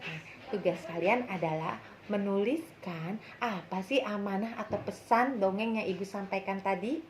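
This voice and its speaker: A woman primary school teacher telling a story to children in a lively, expressive way, then explaining its lesson. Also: mid-range voice, moderate pace, slight background noise.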